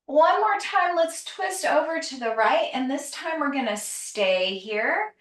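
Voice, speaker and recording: A woman yoga teacher leading a calm grounding exercise, gently and soothingly cueing breath and movement. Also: sits high. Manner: gentle, soothing, unhurried instruction. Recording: roomy echo, distant microphone.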